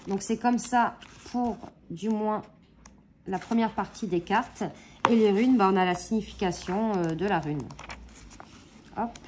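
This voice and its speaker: Une femme qui présente un jeu d'oracle en bavardant et énumère les mots-clés des cartes avec de petites hésitations. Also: female voice, medium pitch, noisy background. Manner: chatty, lists keywords with quick hesitations. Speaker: oracle deck reviewer. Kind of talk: casual unboxing and card reading.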